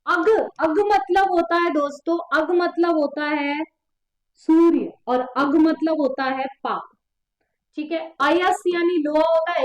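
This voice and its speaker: A woman's voice: high-pitched, echoey room, rough recording. A woman teaching an exam prep lesson, who explains step by step, repeats key words and keeps quizzing her students. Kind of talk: online exam coaching lesson.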